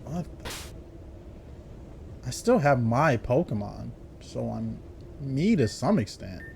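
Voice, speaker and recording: Casual let's-play host, middle-pitched male voice, reads and reacts. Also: very animated, measured pace, creaky, a little mellow, a little hiss or hum. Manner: casual, reacts with surprise and mild swearing. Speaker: gaming channel host. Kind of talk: let's play commentary and reading dialogue.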